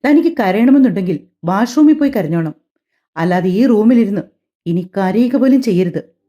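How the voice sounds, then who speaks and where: A woman's voice: fairly high pitch, expressive, brisk, mellow, natural voice. A woman voicing a stern young husband who talks in a curt, commanding way, in an audio drama recorded on slightly dull lo-fi audio. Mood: angry. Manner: curt, firm, scolding.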